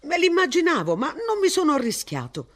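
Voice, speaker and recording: A woman's voice: medium pitch, sing-song, moderate pace, voice pushed up. A woman voicing a cheerful, overfamiliar young man with a breezy, chatty manner in a story reading.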